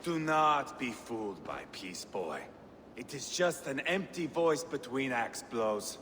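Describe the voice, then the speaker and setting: A man playing a bloodthirsty, foul-mouthed, mocking Viking warrior in a video game, with gravelly, brash delivery. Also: medium pitch, sing-song, takes it slowly, a little hiss or hum. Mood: grim, scornful. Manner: taunting, brash, swearing. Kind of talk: dramatic video game acting. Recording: long hall reverb, loud music.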